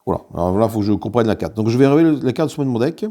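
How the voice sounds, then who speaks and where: A man hosting a board game channel talks viewers through a solo playthrough, explaining card rules while handling the components. His mid-range, mellow voice has lively intonation and moves very fast, with frequent fillers and restarts.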